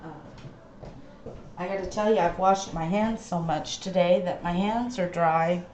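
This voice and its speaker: Her voice is on the low side and a little mellow as this woman hosts a casual livestream from her craft room, talking slowly and drifting off mid-sentence. The lo-fi stream is echoey and dull, with faint background noise and a hollow, tin-can quality.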